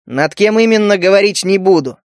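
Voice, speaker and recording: A man's voice: high voice, lively intonation, a little fast, no room sound, studio quality. A man voicing a stern male leader addressing a crowd in an audiobook, in a commanding way.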